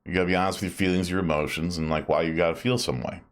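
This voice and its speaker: A man's voice: low-pitched, steady tone, rapid-fire. A man chatting casually and in a rambling way as a live streamer. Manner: rambling, self-described grumpy old man.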